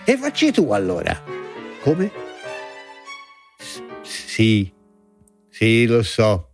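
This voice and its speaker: A man's voice: wildly swooping pitch, extremely slow, vocal fry, music in the background, heavily acted. A man voicing a stubborn, touchy unborn boy in a children's fairy-tale audio play. He grumbles and answers with sarcasm. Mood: stubborn, indignant. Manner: grumbling, sarcastic, with wide swings in pitch.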